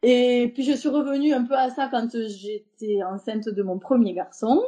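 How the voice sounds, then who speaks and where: Femme invitée à la voix douce et chaude. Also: female voice, a little high, fairly even intonation, normal speed, dark tone. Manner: hesitant, many fillers and restarts. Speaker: podcast guest, embroiderer. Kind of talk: casual interview talk.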